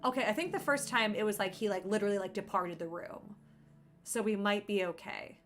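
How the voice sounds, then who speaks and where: A woman's voice: mid-range voice, fairly quick. A young adult woman streaming a video game, reading its text aloud and chatting playfully with viewers. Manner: chatty and playful, jumps to loud startled exclamations. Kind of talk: casual let's-play commentary, reading game text aloud. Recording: game music playing underneath.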